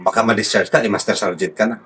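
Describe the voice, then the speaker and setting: A man's voice: lowish voice, steady tone, quick pace, sharp tone, slightly rough. A male host asking short follow-up questions in a casual interview. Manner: brief probing follow-up questions.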